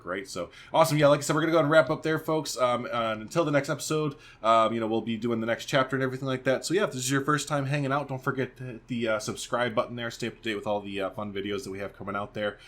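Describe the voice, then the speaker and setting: His voice is lowish with a fairly bright tone as this man hosts a let's-play video. The commentary is casual, with him talking informally and thinking aloud while he plays, against faint background noise and game audio.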